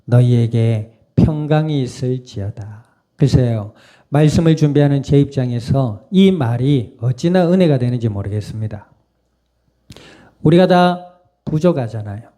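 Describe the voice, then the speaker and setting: A man's voice: a little high, lively intonation, moderate pace, mellow. A male pastor, preaching in a conversational way and often putting questions to the congregation. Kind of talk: sermon.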